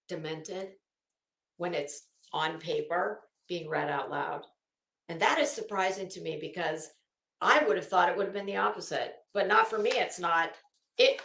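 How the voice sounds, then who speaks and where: An American woman hosting a commentary show reads legal documents dramatically, her pitch sweeping widely. Her voice is a bit bright and reverberant, and she draws out phrases deliberately, adding emphatic, theatrical asides and casual remarks.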